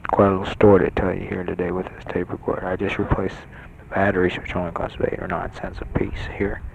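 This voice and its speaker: Fast and flat, with a low, creaky voice, a young patient murmurs an audio letter home and rambles with lots of fillers. The dull lo-fi recording comes from a portable tape recorder mic held close, carrying a little hiss or hum and the talk of other patients in the ward.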